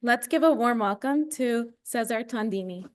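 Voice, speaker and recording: A woman's voice: on the high side, expressive, moderate pace. Young woman reading a speaker intro. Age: young adult. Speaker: student club secretary introducing the speaker.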